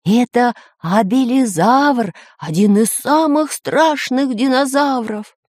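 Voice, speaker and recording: Storybook professor, excitable man, read by a woman; close and dry. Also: a little high, takes it slowly, no echo, pitched above the performer's own voice. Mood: alarmed. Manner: explaining, then alarmed shouting. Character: learned excitable male professor. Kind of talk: storybook reading.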